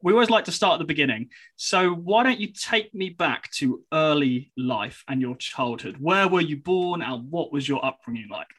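A British man hosts a radio interview in a crisp, bright voice. It sits a little higher than most men's, and he delivers introductions and questions in a presenter's style. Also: animated, moderate pace, hardly any pauses.

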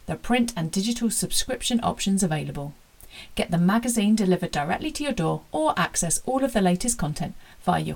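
A woman hosting a radio interview show, reading a polished scripted introduction. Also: fairly low pitch. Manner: polished, reads smoothly from a script. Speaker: radio host.

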